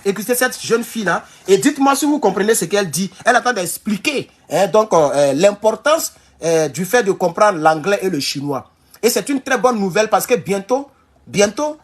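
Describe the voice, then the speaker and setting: Animated West African French-accented man. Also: high-pitched, slightly rough. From Burkina Faso. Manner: animated, emphatic, with repeated restarts and addresses to "chers camarades". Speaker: commentator. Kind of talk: casual political commentary.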